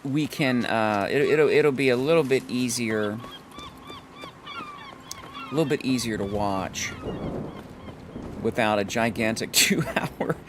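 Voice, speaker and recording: Hoarse man narrating his gameplay. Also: mid-range voice, takes it slowly, pauses often, noisy background. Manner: thinking aloud, relaxed, self-correcting. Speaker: let's play host. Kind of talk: casual gameplay commentary.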